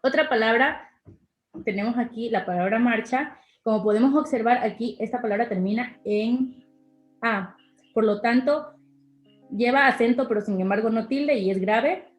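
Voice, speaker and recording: A young woman, a student presenter, gives a class presentation at a moderate pace in a slightly high voice. She sounds hesitant and uses many fillers, in an echoey room with faint music.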